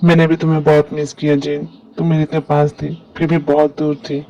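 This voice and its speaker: A man voicing a caring young man in an amateur fan dub, gentle and reassuring. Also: fairly high pitch, monotone, fairly quick, highs cut off, natural voice. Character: caring young man beside his recovered love.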